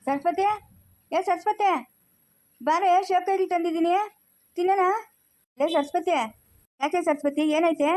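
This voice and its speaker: A woman's voice: very high-pitched, fairly even intonation, moderate pace, pauses often, darkish tone, no room sound. A woman playing a kind village relative who coaxes and comforts a crying young wife in rural Chikkaballapur Kannada. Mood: coaxing. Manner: soothing, coaxing.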